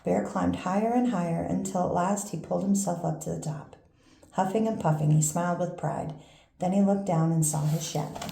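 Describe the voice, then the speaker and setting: An older woman, a grandmother, reading a children's picture book aloud in a gentle, unhurried storytelling manner. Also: on the low side, fairly even intonation, vocal fry. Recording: roomy echo with faint background noise.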